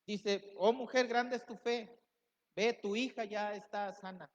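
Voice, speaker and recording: A man's voice: sits high, steady tone, unhurried. A man giving a sermon as pastor, preaching with emphatic rises and acting out quoted voices. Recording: dull sound with long hall reverb.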